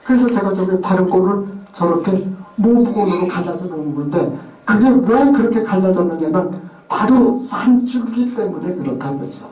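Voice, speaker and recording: High-voiced and animated, with a dark tone, this man talks at a normal speed in an informal lecture on place names. He often imitates regional pronunciations. The mic sits far off in an echoey room.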